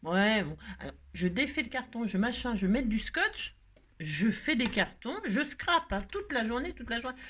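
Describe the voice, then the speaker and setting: A woman's voice: fairly high pitch, sing-song, moderate pace, fairly bright tone, slight background noise. A middle-aged woman chatting playfully while making crafts, rambling with jokes and little asides. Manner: playful rambling, jokes, laughs, hums snatches of song. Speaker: crafting vlogger. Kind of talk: chatty crafting tutorial talk.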